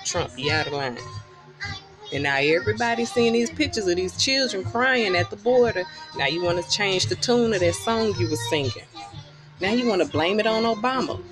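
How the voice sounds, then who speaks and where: A woman's voice: mid-range voice, expressive, fairly quick. A woman from Texas delivering a heated political rant to camera, blunt and profane, repeating lines for emphasis. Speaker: vlogger. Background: music.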